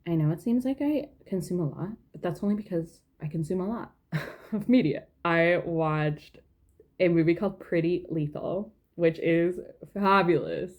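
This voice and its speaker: A woman's voice: on the low side, normal speed, darkish tone. A young woman chatting casually at home while knitting, rambling with lots of fillers. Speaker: knitting vlogger. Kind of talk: casual chat.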